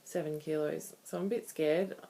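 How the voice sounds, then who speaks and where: A woman's voice: sits low, fairly even intonation, normal speed, creaky, warm tone. A woman in her thirties talking candidly and conversationally in a casual personal video diary. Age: 30s. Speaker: vlogger.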